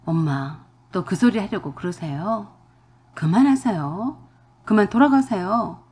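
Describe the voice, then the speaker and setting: A woman's voice: medium pitch, lively intonation, unhurried, darkish tone, slightly rough. A woman voicing a young husband who is curt and defensive toward his wife and mother, in a radio drama reading. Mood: exasperated.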